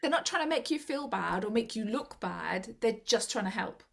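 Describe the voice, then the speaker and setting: A woman's voice: fairly high pitch, animated, normal speed, creaky, fairly bright tone. A woman sharing tips in a casual chat over a laptop video call, laughing often and acting out little quotes. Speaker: club member giving tips.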